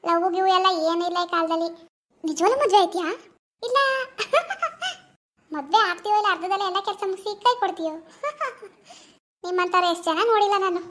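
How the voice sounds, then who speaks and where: A woman's voice: very high-pitched, fast, fairly bright tone. Woman doing a jeering rowdy. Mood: mocking. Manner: jeering, laughing taunts. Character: mocking young village rowdy man, cocky then cowardly.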